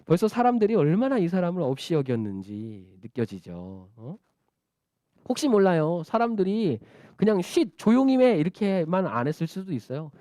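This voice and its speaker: Children's preacher, high lively voice, mellow tone, dry close sound. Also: male voice, moderate pace, no echo. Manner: animated, asking the children questions. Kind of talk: storytelling sermon for children.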